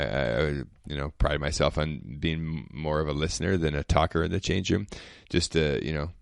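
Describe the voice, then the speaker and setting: A former pro football player telling stories in a rambling, laid-back way, with lots of fillers. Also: male voice, very deep voice, clean tone, no room sound, clean studio sound. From Canada. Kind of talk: casual storytelling chat.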